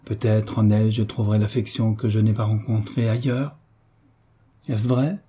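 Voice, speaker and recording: A man reading an audiobook voices a gracious young duchess with gentle, affectionate questions, pitched higher than his narration. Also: level tone, normal speed, breathy edge. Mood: tender.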